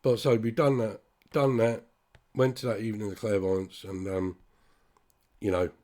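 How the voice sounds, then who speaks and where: A man's voice: on the low side, little pitch movement, normal speed, mellow. A British man talking straight to his listeners in a blunt, sweary, rambling monologue. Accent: British English. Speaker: vlogger. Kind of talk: casual ranting monologue.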